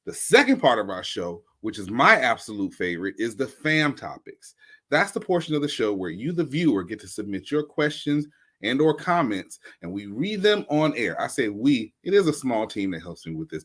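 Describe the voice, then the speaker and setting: A man's voice: medium pitch, very animated, moderate pace. A man hosting a show in a casual, joking and slangy way. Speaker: host.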